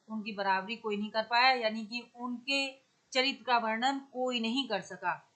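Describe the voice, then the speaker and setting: Bright-voiced woman teaching a class. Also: a little high. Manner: explains step by step, recites verse slowly. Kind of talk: exam-prep grammar lesson.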